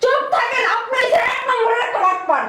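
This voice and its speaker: A woman playing a furious young bride who has been deceived, scolding and shouting. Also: extremely high pitch, animated, fast talker. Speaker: bride in a web drama. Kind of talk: short web drama acting. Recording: echoey room with clear noise.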